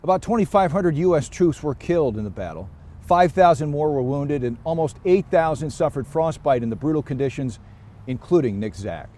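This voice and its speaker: An American man presenting a scripted public service story in a measured, formal delivery. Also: on the high side, expressive, mellow.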